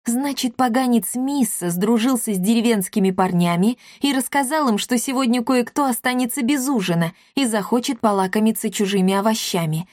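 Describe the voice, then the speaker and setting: A woman reading a children's story aloud in a lively, expressive way. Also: a little high, a little fast, few pauses, no room sound, clean studio sound. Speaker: audiobook narrator. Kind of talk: scripted storybook narration.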